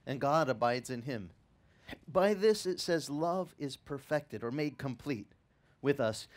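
At an open-air beach service under a tent, a man in his fifties with a slightly high voice preaches a lively, unscripted sermon into a headset mic. The pastor, brought up Italian-American, speaks animatedly and conversationally, often restarting and turning to the audience with asides.

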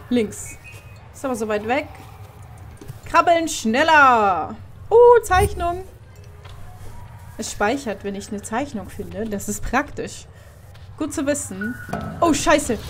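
A young woman commenting on a horror game as she plays, chatty and exclaiming, sometimes swearing. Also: a little high. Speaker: let's play host.

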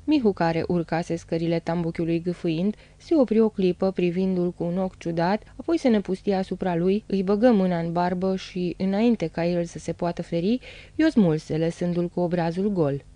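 A woman narrating an audiobook of a novel in a steady, dramatic storytelling manner. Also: fairly low pitch, no echo. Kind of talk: audiobook reading.

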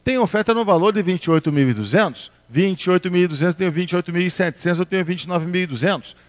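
A man working as an auctioneer, repeating bids at a car auction and formally addressing the bidders. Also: high-pitched.

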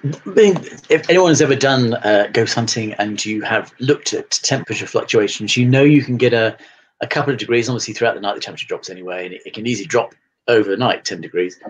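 A man's voice: mid-range voice, fast, husky, low-quality recording. A man hosting a live chat over a video call, asking rambling questions full of fillers. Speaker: host. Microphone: video call webcam.

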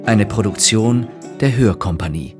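A man reading a children's audiobook as narrator, in calm, measured storytelling with a husky voice. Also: on the low side, music in the background.

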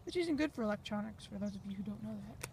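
A woman's voice: mid-range voice, lively intonation, fast talker, heavy background noise. A woman filming a casual fishing vlog on a handheld phone outdoors by a pond, rambling to her viewers as she goes. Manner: rambling, chatty, talks to viewers as "guys". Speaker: fishing vlogger.

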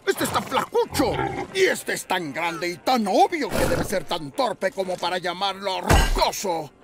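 Gravelly, pompous supervillain. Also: male voice, high voice, animated, a little slow, over music. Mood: scornful, exasperated. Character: pompous, scornful, bickering male cartoon supervillain. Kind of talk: animated cartoon dub acting.

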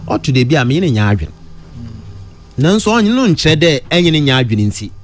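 Animated Ghanaian man on studio mic. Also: brisk, soft background music. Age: middle-aged. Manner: animated, mixes Twi and English, pitch leaps up on questions. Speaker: radio studio guest. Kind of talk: radio studio discussion. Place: radio studio. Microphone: studio mic close to mouth.

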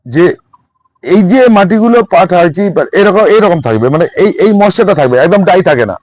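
A man grower chats quickly and excitedly about his nursery, often repeating himself. His voice sits high and swings widely. The sound is dry and close. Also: no echo. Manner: excited, repetitive, quick explanations. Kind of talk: casual on-site chat. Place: outdoor plant nursery.

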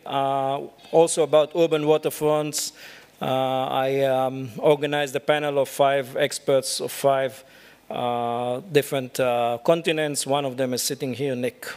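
Middle-aged male keynote speaker, slightly high voice, halting delivery with lots of fillers, podium mic in a big hall. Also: clean tone. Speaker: keynote speaker, urban planner. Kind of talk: conference keynote lecture. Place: large dark lecture hall at a podium. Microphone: podium microphone.

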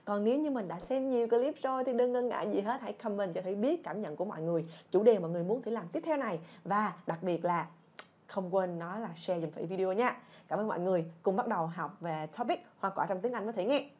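A breathy, bubbly young woman runs a cheerful language lesson for kids and parents. She repeats each word over and over with playful enthusiasm, her voice sitting in a middle pitch with a soft, airy edge. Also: fast. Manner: playful, bursts into high "ta-da!" reveals, drills words in repetition. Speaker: English teacher, channel founder.

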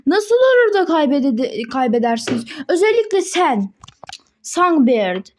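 A woman's voice: high voice, very animated, unhurried. A woman voicing a stern pony team coach who scolds the players in a toy role-play. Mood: scolding.

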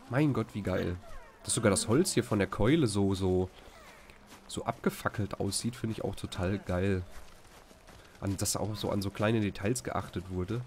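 A German-accented man gives casual, rambling let's play commentary on a video game, often exclaiming at what appears on screen. His voice is on the low side and a little mellow. Slight background noise is audible.

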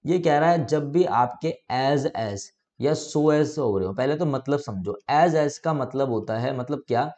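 A young man teaching English grammar for exams, patiently explaining and often checking that students follow, reading example sentences out slowly. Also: mid-range voice, expressive, a little mellow. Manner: explains patiently, asks "ठीक है?" to check understanding. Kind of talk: exam-prep grammar lesson.

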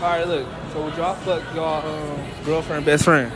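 A man's voice: a little high, little pitch movement, normal speed. A man from running a playful public interview in a mall, teasing and laughing with people. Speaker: street interviewer. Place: busy mall. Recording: crowd and music behind.

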